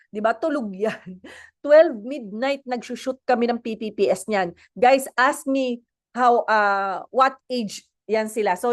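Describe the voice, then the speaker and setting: A woman with a Filipino accent giving a chatty motivational talk as a network marketing speaker, mixing in English and asking the audience questions. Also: fairly high pitch. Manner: chatty, mixes English and Tagalog, asks the audience.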